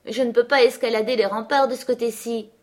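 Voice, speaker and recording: Stubborn young girl, bright pleading voice, read by a woman. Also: on the high side, fairly even intonation, a little fast, voice pushed up, natural voice. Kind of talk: audiobook character voice.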